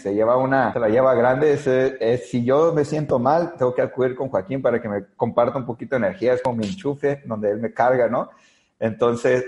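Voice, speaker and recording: A man's voice: mid-range voice, a little mellow, echoey room. A man with a Mexican accent, a podcast guest telling his story in an earnest, hesitant way with many fillers. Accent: Mexican Spanish. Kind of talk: storytelling in a conversation. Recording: dull lo-fi audio.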